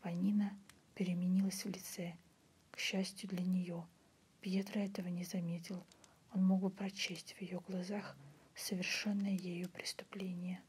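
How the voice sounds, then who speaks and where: A woman reads a literary story in a breathy, unvoiced ASMR whisper, softly and in a measured way. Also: lowish voice, level tone. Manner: soft, measured literary reading. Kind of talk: whispered ASMR audiobook narration. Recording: faint background noise.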